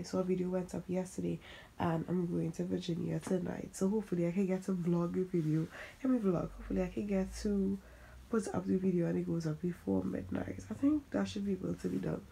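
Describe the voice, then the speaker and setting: A woman's voice: fairly low pitch, creaky, warm tone, a little hiss or hum, rough recording. A woman vlogging casually from a relative's home, rambling with lots of fillers and laughing easily, her phone on a monopod a little away from her. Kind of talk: casual vlog chat. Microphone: phone on a monopod held a bit away.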